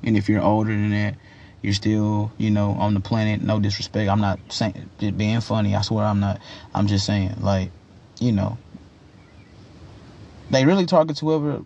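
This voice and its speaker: A young man with a gravelly voice giving a casual, opinionated rant in a slangy, rambling, emphatic way, repeating his phrases. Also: fairly low pitch, fairly even intonation, normal speed, pauses often, warm tone, highs cut off. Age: young adult. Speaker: commentator giving personal opinions.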